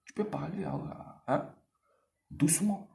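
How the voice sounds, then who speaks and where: A man's voice: a little high, measured pace, gravelly. A man giving casual dating advice straight to the viewer, repeating himself and using street slang. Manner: animated, repetitive, street slang, addresses viewer directly.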